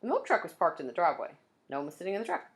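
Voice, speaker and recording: A woman teacher's lowish voice swoops wildly in pitch as she reads a children's chapter book in rapid-fire fashion. She mixes in friendly asides for her young listeners.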